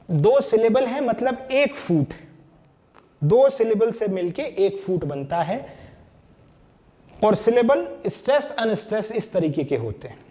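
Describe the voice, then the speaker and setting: A man's voice: high-pitched, warm tone. A man teaching a lesson on poetry, patiently counting out syllables and stresses one by one. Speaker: literature teacher.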